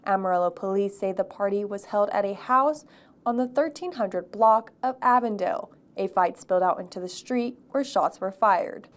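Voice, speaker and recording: Young woman news reporter, clear steady read, middle pitch. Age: young adult. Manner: measured, clear reporter delivery.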